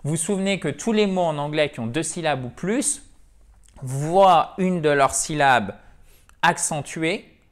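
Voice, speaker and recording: Guy teaching english in french, bit high voice, slow careful model phrases. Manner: explains patiently, slows down and stresses English model phrases. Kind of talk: French-language English lesson.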